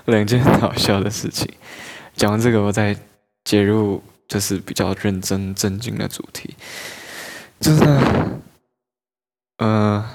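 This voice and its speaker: A young man telling funny stories about himself in a chatty, self-mocking way and laughing often. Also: lowish voice. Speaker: podcast host. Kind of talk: casual storytelling monologue.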